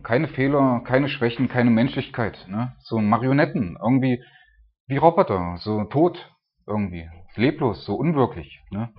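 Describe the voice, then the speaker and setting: In a conversational, relaxed way, this man recounts a Bible story at medium pitch, often dropping to a quiet voice and tagging his points with a questioning "ne?". The recording has its highs cut off.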